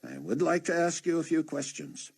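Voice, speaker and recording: A man voicing a formal, measured police captain in an audiobook. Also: fairly high pitch, wildly swooping pitch, vocal fry, darkish tone, husky, voice pushed up, full character voice. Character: formal, stiff middle-aged police captain.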